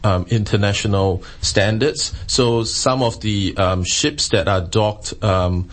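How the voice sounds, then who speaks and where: A man speaking as an expert interview guest, explaining his research in a halting way with frequent pauses and hesitations. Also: lowish voice, fairly even intonation.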